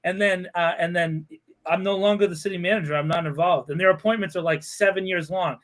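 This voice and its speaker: A man hosting a podcast, ranting in a sarcastic, animated way with frequent laughter. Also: high voice, a little fast. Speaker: podcast host. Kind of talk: casual podcast chat.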